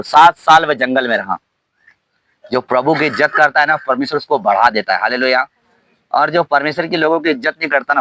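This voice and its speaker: A man pastor preaching a sermon, shouting hallelujah often and asking the congregation questions. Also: medium pitch, dry recording, poor audio. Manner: preaching with frequent hallelujahs and call-and-response questions.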